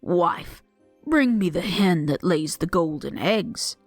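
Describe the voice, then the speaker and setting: A woman putting on a low, gruff ogre. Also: expressive, takes it slowly, dry recording, soft background music. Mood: menacing. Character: huge gruff male ogre, greedy and menacing.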